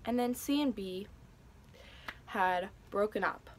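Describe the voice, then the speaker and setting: Slow-spoken young woman, hesitant and emotional. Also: mid-range voice, a little hiss or hum. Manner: hesitant, emotional, many fillers and restarts. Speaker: vlogger. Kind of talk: personal story vlog.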